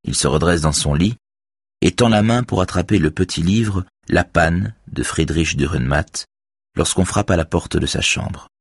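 A man giving a measured, even scripted narration of a novel. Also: low voice, slightly rough, dry recording, clean studio sound.

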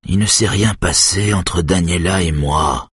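Man reading a tired defensive husband, weary replies, very deep voice, dry studio sound. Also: measured pace, a bit bright, breathy edge, no echo, exaggerated voice. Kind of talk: audiobook character voice.

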